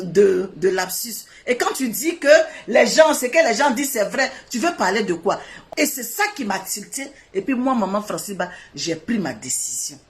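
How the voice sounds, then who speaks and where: A middle-aged woman, seated indoors, delivering an emotional and defiant monologue, swinging from loud outbursts to quiet mutters. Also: fairly high pitch. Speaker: online personality addressing a rival. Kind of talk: emotional live video monologue.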